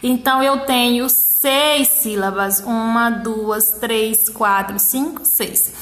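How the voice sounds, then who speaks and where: High, bright-voiced woman teaching children. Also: echoey room. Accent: Brazilian Portuguese. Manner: slow, syllable-by-syllable counting, encouraging. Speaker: primary school teacher. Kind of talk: explaining a workbook lesson to children.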